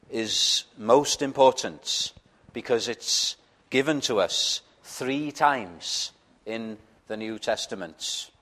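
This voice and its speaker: A man whose first language is Welsh preaches a sermon in a church, slow and earnest, hesitating often. His voice is mid-range and a bit bright.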